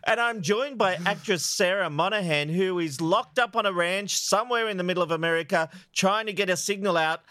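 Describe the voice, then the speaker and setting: A man's voice: high voice, a little fast, few pauses, sharp tone, no echo. A man hosting a podcast in casual chat, laughing often and poking fun at himself. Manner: laughs often, self-mocking. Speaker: podcast host.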